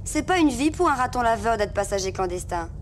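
A woman's voice: fairly high pitch, animated, brisk, a little hiss or hum, natural voice. A woman narrating as a young girl reading her letters to a friend in a confiding tone. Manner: gentle, confiding.

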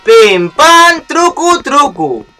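A man's voice: very high-pitched, sing-song, drawn-out words, bright, forceful tone, poor audio. A young man giving playful, chatty commentary on a game he is playing and talking straight to his viewers. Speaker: gaming YouTuber. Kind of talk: casual gameplay commentary.

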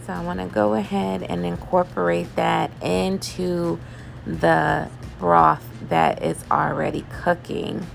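A woman chatting casually as she cooks in her home kitchen, relaxed and loose, with laughs and fillers. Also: lowish voice, slow, gravelly, faint music behind. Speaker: home cooking vlogger. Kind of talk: casual cooking voice-over.

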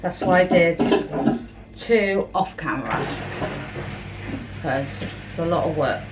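A woman's voice: lowish voice, lively intonation, slow pace, heavy background noise. A young woman, chatting informally as she cooks in her home kitchen, filmed by a camera on the counter. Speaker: vlogger. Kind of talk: casual cooking vlog. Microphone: camera on a counter at mid-distance. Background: washing machine running.

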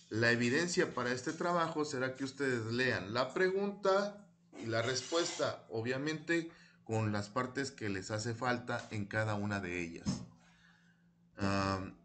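Man, patient English teacher; slow, deliberate, repeats every word. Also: medium pitch, a bit bright. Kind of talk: recorded classroom lesson.

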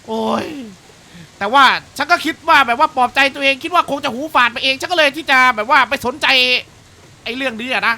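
A man's voice: extremely high pitch, fairly quick, pushed and bright, heavily acted. A young man reading a diary aloud as a grumbling, irritable old homeowner in a horror game. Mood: irritated. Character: grumpy annoyed old male homeowner.

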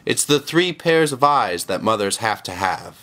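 A man's voice: lowish voice, animated, a little slow, sharp tone. A man voicing the Lord as a proud, patient male creator, speaking earnestly.

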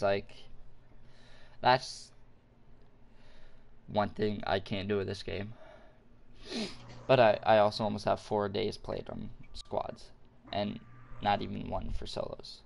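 A man's voice: fairly low pitch, creaky. A young man chatting casually while gaming, rambling and thinking aloud. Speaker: gamer.

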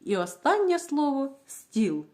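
A woman teaching a reading lesson to young children, sounding out words slowly and clearly, asking questions and then answering them herself. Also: high voice, very animated, darkish tone. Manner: slow, clear, drawing out words syllable by syllable. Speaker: primary school teacher.

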